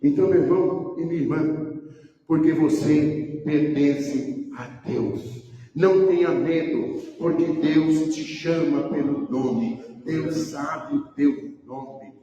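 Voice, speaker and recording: A Brazilian pastor preaches with a fairly high voice, pressing his points by repeating them and calling people by name. He sounds distant from the mic, in a big church with a long, ringing reverb. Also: slow, mellow, highs cut off. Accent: Brazilian Portuguese. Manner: emphatic preaching, repeating phrases and calling out names. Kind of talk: sermon. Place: church sanctuary. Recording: echoey church hall, voice from far off the mic.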